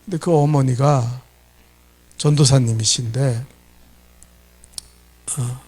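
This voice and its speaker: Brief: middle-aged male pastor, a sermon with a fairly high, gravelly voice, animated and questioning. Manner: animated preaching, asks the congregation questions and acts out quoted scolding.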